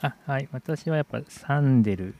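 A man in a casual book club chat, easygoing and relaxed as he names his picks. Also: medium pitch, normal speed.

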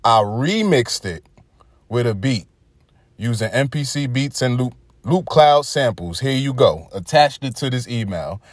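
A man's voice: medium pitch, lively intonation, unhurried, no room sound, studio quality. A man with a Brooklyn, New York accent, hosting his own podcast in a laid-back, casual motivational monologue. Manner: laid-back, conversational, chuckling asides. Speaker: podcast host.

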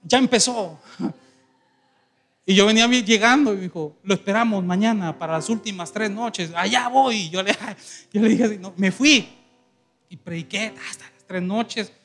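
A man's voice: sits high, moderate pace. A man pastor, telling a story in a sermon and acting out the voices in it, laughing as he goes. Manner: animated, acts out quoted voices, laughs while telling.

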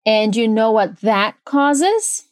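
A woman hosts an English lesson, with a fairly high voice and a close, dry sound. She reads English phrases slowly and carefully, then explains them in brisk Portuguese. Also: sing-song, no room sound. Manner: switches between slow careful English and fast Portuguese. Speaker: English teacher and podcast host. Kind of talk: bilingual language lesson.

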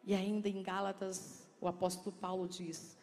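A woman pastor preaching a sermon, playful and joking with the congregation, then slowing into soft, intimate speech. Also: medium pitch, level tone. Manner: slows and softens into quiet, intimate speech. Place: church sanctuary. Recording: long church reverb.

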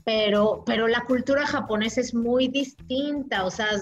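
A woman, co-hosting a casual film review chat, animated and full of restarts. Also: fairly high pitch, normal speed, soft background music. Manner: animated, talks through restarts and fillers. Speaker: film podcast co-host.

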